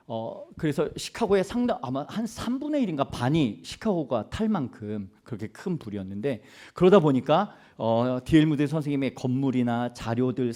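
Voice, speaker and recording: A man's voice: mid-range voice, dark tone. A man, a missionary preacher, telling a story in a conversational sermon with chatty asides to his listeners. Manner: chatty, many fillers and restarts, asides to the audience.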